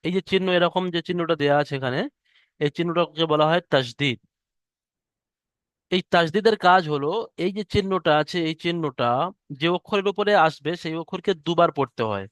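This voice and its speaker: A man teaching an online Quran reading class, slowly drawing out letter sounds to demonstrate them. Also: fairly high pitch, fairly bright tone, dry recording. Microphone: headset or computer mic on an online class call.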